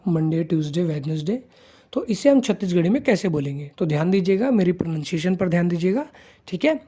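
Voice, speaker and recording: A man teaching an online language lesson, patient, who repeats each word slowly and keeps checking in with his listeners. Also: sits high, warm tone. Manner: patient, checks in with 'theek hai?' after nearly every phrase; mixes English words into the lesson.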